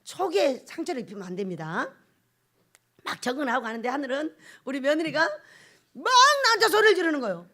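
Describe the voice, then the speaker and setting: High, lively middle-aged woman preacher. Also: fast talker. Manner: lively storytelling, acts out family quarrels, laughs often. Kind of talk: sermon with personal stories.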